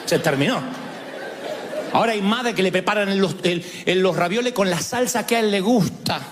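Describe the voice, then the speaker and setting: A man, a pastor preaching a sermon at a church service, telling jokes and stories in an animated way. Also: sits high, a little fast, a faint crowd. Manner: animated, joking storytelling. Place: church service before a congregation. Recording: long reverb in a large hall.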